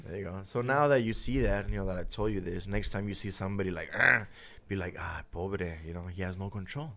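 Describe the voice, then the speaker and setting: A man's voice: low voice, fast talker. A man, a boxer guest in a casual interview, talking animatedly with frequent laughter and slipping into Spanish phrases.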